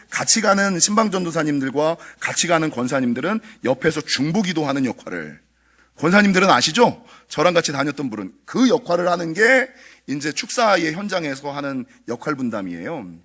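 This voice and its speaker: Male pastor, middle-aged, dawn prayer sermon, high voice, very lively delivery, acts out the dialogue. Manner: animated storytelling, acting out dialogue. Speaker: senior pastor.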